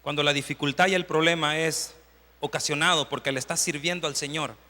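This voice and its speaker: A man preaching a sermon, acting out quoted prayers and building to impassioned shouting. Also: fairly high pitch, steady tone, fairly quick. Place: church hall. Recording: long hall reverb.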